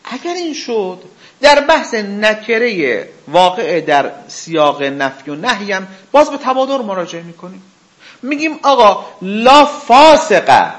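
Man giving a seminary lecture, kinda high voice, pitch jumping all over, keeps asking the room questions. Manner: animated, acts out questions and answers with imagined speakers; asks the listeners rhetorical questions. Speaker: religious seminary teacher. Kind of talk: spoken lecture.

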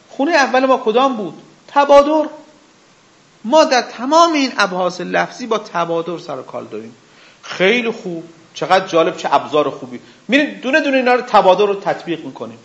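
A man's voice: high-pitched, a bit bright. A man teaching a religious seminary lesson, who acts out questions and answers with imagined speakers and asks his listeners rhetorical questions. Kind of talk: spoken lecture.

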